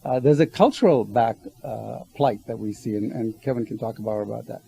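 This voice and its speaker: Gravelly, dark-voiced man explaining earnestly. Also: mid-range voice, fairly quick, a little hiss or hum, rough recording. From Ghana. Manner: earnest explaining with frequent self-corrections. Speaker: panel guest. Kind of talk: panel discussion.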